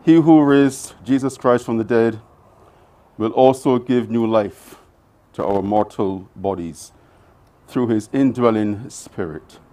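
A man reading burial prayers aloud in a solemn liturgical style, letting phrase ends fall away softly. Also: mid-range voice, slow. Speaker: officiant.

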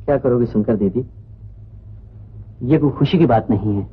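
An actor playing an earnest, gently persuasive young man who teaches and pleads with his sister, in 1950s film acting. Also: mid-range voice, normal speed, slightly rough. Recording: tinny old film soundtrack.

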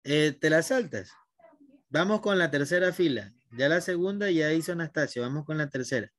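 A man's voice: on the high side, animated, normal speed, dry recording. A man teaching a language class online, patiently guiding his students by name.

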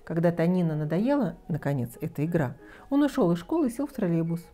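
A woman reading a children's fairy tale aloud with expressive, lively storytelling. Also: fairly low pitch, quick pace, soft background music.

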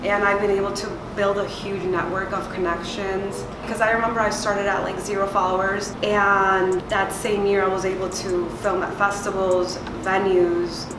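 Speaking at a moderate pace with few pauses, a late-twenties woman holds a medium pitch and level tone against background noise. Originally from El Salvador, she moved to Chicago at six and now makes music videos, chatting candidly in an interview with plenty of "like" and "you know." She's in a bright, small indoor room full of windows, where the sound is roomy and music plays underneath.

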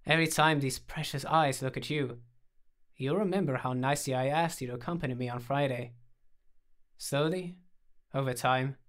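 A man's voice: mid-range voice, normal speed, long pauses, a bit bright, natural voice. Brief: teasing, theatrical young man, coaxing and playful, read by a man.

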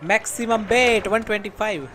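A man's voice: sits high, normal speed, bright, forceful tone, faint music behind. A young man streaming a game, commenting live in a playful, jokey way with mock-dramatic pleading. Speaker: gaming streamer.

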